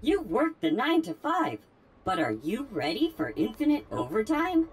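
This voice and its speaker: A woman voicing a chirpy, cheerful female robot host in a video game, bright and welcoming. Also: a little high, wildly swooping pitch, moderate pace, background noise. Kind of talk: video game character dialogue.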